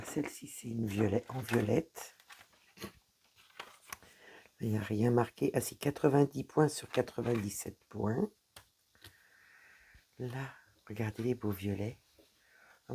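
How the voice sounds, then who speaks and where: Her voice is extremely low and mellow, unhurried and full of pauses, with slight background noise. This crafting vlogger talks straight to viewers as she unboxes and handles supplies, chatty and casual, often saying "voilà" and "donc".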